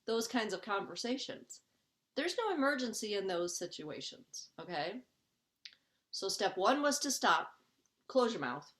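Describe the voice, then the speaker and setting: Middle-aged woman, life coach on a parenting webinar. Earnest, chatty delivery, mid pitch, keeps asking "okay?". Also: big pitch swings, unhurried, a bit bright. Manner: earnest, conversational, often checks in with "okay?"; acts out her own inner voice in quotes. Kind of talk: webinar teaching.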